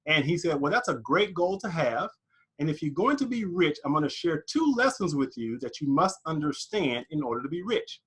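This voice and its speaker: Animated husky-voiced man hosting a podcast. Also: on the high side. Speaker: podcast host. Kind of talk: podcast interview.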